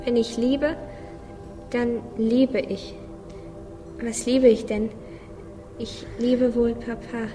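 A woman plays a sad, naive little boy thinking aloud in a radio play, pensive and childlike, repeating his phrases. Her fairly high, warm voice barely moves in pitch and goes slowly with long pauses. Music sits clearly behind a long reverb.

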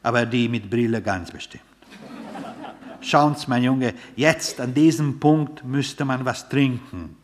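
Ein Mann spielt einen aufgeblasenen Wiener Vater. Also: male voice, medium pitch, slow, slight background noise, natural voice. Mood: smug. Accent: Viennese. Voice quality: grandiloquent, blustering. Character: pompous theatrical middle-aged father, Viennese charmer.

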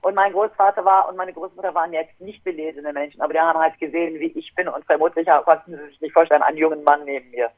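A woman in her fifties, an interview guest, telling a story in a lively way and acting out her relatives' voices over a phone line. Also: low-pitched, quick pace, hardly any pauses, no echo. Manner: animated, acts out family members' voices. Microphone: telephone. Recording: tinny dry phone line.

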